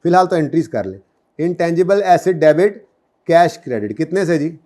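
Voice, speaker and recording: Brief: man, classroom lecturer, slightly raised pitch, breaks into slow measured dictation. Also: expressive, dark tone. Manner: switches to slow, word-by-word English dictation. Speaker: accounting lecturer.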